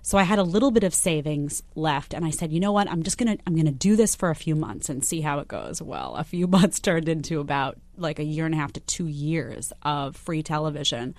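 A woman's voice: deep voice, lively intonation, brisk, few pauses, no echo. A woman in casual conversation, chatty and laughing as she tells stories about her early jobs. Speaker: TV news personality. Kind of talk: casual chat.

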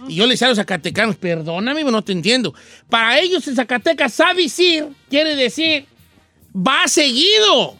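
A man's voice: extremely high pitch, a little fast, no room sound, faint music behind. A man with a western Mexican accent hosting a casual radio chat, acting out quoted dialogue as he tells stories. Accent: Mexican, western (Michoacán area). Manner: animated storyteller, acts out quoted dialogue. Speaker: radio host.

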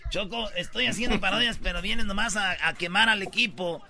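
A man's voice: high voice, fairly quick, pushed and bright, slight background noise. A man hosting a comedy radio show, joking and teasing his co-hosts and callers.

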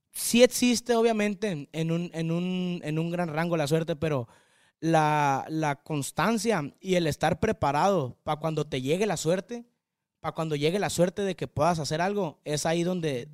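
Young man, Sinaloan accent, hyperactive rambling chat, fairly high voice, dry close sound. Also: no room sound. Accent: northwestern Mexican, Sinaloa. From Mazatlán, Mexico. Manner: energetic, hyperactive, rapid rambling talk. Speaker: podcast guest, drummer. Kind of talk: casual chat.

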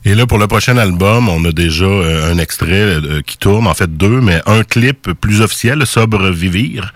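A man hosting a radio interview in a relaxed way. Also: lowish voice, normal speed, no echo. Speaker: radio host. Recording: dry radio studio sound.

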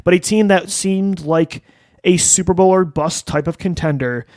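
A man hosts a sports podcast in casual, conversational chat, often sounding incredulous. His voice sits a little higher than most men's. The recording is dry and close. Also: normal speed, a little mellow, dry recording. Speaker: podcast host.

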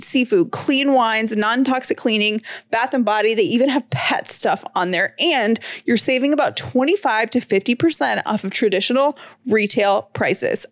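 A woman's voice: fairly high pitch, no room sound, clean studio sound. A woman host giving a conversational advertising read for a sponsor. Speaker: show host reading a sponsor ad.

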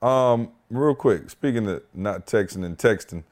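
A man's voice: fairly low pitch, a little slow, a little mellow. Playful young man hosting a podcast. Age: young adult. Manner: playful, slangy, teasing. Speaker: podcast host. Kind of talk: casual chat.

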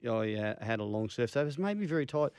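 A man's voice: mid-range voice, animated, fast talker, darkish tone, smooth, dry recording, clean studio sound. An Australian man co-hosting a radio sports show with wry, matey, blokey banter. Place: radio studio. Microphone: close studio broadcast mic.

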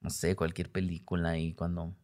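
A man's voice: low voice, moderate pace. A man with a Mexican Spanish accent, a comedian guest chatting casually and acting out the voices of the people in his stories. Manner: animated storyteller who acts out quoted voices; frequent tag questions and self-interrupting restarts. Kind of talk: casual conversational interview.

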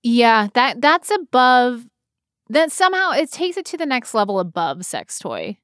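A woman co-hosting a comedy podcast in casual chat, reading list items aloud in an animated way and laughing often. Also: on the high side, a little slow, clear, resonant tone, no room sound, clean studio sound. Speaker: podcast co-host.

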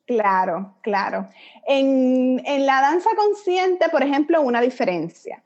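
Puerto Rican woman, soft explanatory tone. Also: high voice, lively intonation, takes it slowly. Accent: Puerto Rican Spanish. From Puerto Rico. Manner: reflective, explanatory, frequent fillers and little laughs. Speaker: guest, psychologist and dance method creator. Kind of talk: conversational interview. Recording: dull lo-fi audio.

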